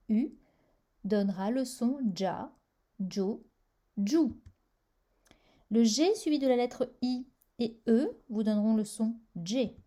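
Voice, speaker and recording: Slow, mellow-voiced woman teaching pronunciation. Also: on the high side. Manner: slow, careful pronunciation drills. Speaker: language teacher. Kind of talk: scripted language lesson.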